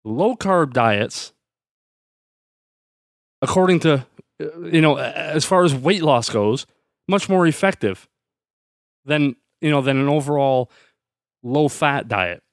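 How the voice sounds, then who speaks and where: A man's voice: fairly high pitch, expressive, slow, pauses often, dry recording, clean studio sound. A man hosting a podcast, ranting in a fired-up, sarcastic way. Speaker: podcast host. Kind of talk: solo podcast rant.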